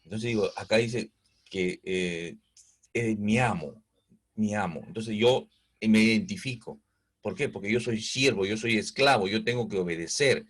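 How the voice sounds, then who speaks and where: A man with a Peruvian Spanish accent giving a Bible teaching as a preacher, explaining slowly, stopping often on fillers and checking in with "¿no?" and "¿ya?". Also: on the low side, a bit bright.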